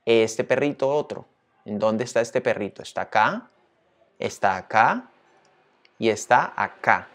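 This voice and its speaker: A male teacher walking viewers through a tutorial in a lively, chatty way, often asking them questions. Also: fairly low pitch, measured pace. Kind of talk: screen-share tutorial.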